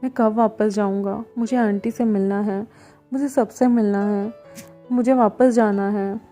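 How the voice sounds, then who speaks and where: A small homesick boy, as a woman storyteller puts him on, soft and pleading, near tears. The tone is very mellow and dark, with faint music underneath. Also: mid-range voice, steady tone, unhurried, natural voice. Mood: plaintive.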